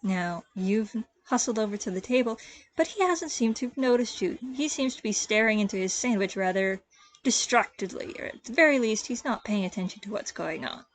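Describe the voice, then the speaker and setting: A woman game master calmly narrating a tabletop role-play scene in a relaxed storytelling way. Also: medium pitch, fairly quick. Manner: descriptive, relaxed storytelling with small restarts.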